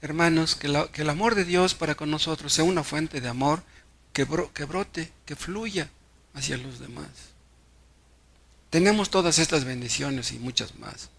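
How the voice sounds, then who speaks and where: A man's voice: a little high, moderate pace, vocal fry, a bit bright. A Mexican pastor preaching a sermon, telling stories and asking the congregation rhetorical questions, often repeating words as he restarts.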